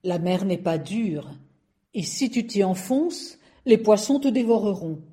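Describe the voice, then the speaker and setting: A woman voicing the wind as a calm, guiding companion in a storybook reading. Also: medium pitch, measured pace, lightly acted. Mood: reassuring.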